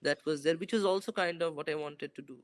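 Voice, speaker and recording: The guest is a young filmmaker taking interview questions by video call on his laptop camera, seated in a bright indoor room. He talks fast in a fairly high voice, the recording is dry, and he sounds reflective and unsure, repeatedly restarting and filling gaps.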